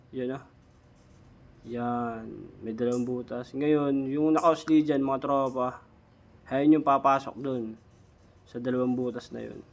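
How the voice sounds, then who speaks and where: A man's voice: medium pitch, gravelly. A Filipino man giving a casual hands-on tool demo as a DIY mechanic vlogger, informally addressing viewers, his speech slightly slurred by missing front teeth.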